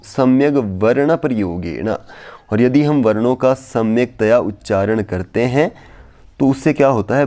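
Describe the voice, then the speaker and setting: Male Sanskrit tutor, warm dark tone, chants verses slowly then explains patiently. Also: medium pitch. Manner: recites verses slowly, then explains in repetitive plain Hindi. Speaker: Sanskrit teacher. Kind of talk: explanatory lesson on phonetics.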